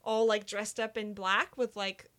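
A young woman talks casually about a film as a podcast co-host. She is chatty and leans on "like" fillers. Her voice sits at an average pitch. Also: flat delivery, a little slow, fairly bright tone. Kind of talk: casual movie discussion.

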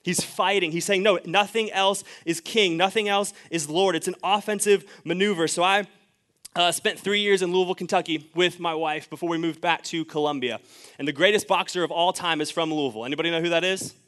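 A man's voice: a little high, fairly even intonation, quick pace, fairly bright tone. A young man preaching a sermon in a church, driving home his point with repeated rhetorical questions. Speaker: pastor. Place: church sanctuary.

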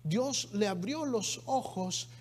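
A man's voice: high-pitched, animated, slow pace. A middle-aged male pastor giving a conversational sermon with emphatic rises in his voice.

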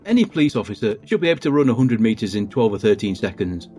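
A man's voice: on the low side, big pitch swings, fast, warm tone, soft background music. A man casually chatting while watching a TV show, making dry, opinionated remarks. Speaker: commentator reacting to a TV show. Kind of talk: casual chat.

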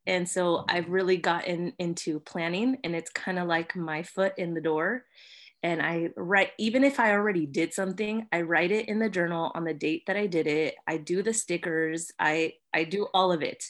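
A young woman sharing her personal story at church, hesitant and full of fillers, with soft laughs. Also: lowish voice, normal speed. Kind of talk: personal testimony.

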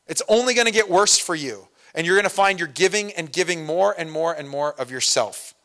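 A man's voice: fairly high pitch, expressive, fairly quick. Casual conversational preacher man. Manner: conversational preaching, many fillers and asides; swings from loud emphasis to soft storytelling. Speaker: pastor. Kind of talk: sermon.

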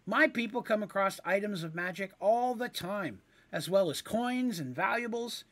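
A man voicing a quick-witted little woman hunter who coaxes a monster with offers in a fantasy tale. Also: high-pitched, expressive, a bit bright, voice pushed up. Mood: eager. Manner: quick, coaxing.

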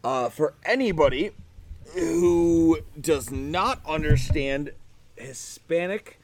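A man's voice: on the high side, slow pace, noisy background. A man hosting a casual podcast outdoors, joking and swearing through crude banter with friends. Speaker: podcast host. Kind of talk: casual chat.

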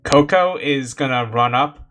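A man's voice: mid-range voice, a little slow, a bit bright. A man takes his turn in a tabletop game. He talks hesitantly, with plenty of stalls and repeated words. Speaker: player. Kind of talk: casual tabletop game chat.

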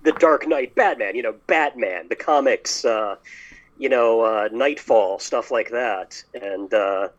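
A man hosting a podcast in casual chat, telling stories in a lively, animated way. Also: mid-range voice, measured pace. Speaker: podcast host. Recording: dull lo-fi sound.

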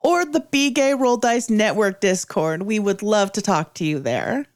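A woman running a tabletop game as game master, narrating slowly, then chatting as podcast host. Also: mid-range voice, lively intonation.

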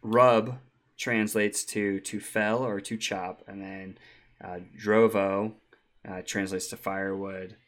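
A man's voice: fairly low pitch, flat delivery, slow pace, fairly bright tone. A man co-hosting a casual tech podcast, chatty, with frequent ums and easy laughs. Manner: chatty, laughs easily, many ums and restarts. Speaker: podcast co-host.

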